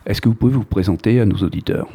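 A man's voice: on the low side, fast, vocal fry, mellow, husky. A man hosting a local radio interview show, introducing his guest formally and asking questions with some hesitation. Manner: formal presenter, with some fillers.

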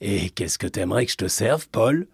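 A man's voice: lowish voice, animated, moderate pace, creaky, husky, no room sound, studio quality, full character voice. A man voicing a jovial, mocking café owner who banters with regulars.

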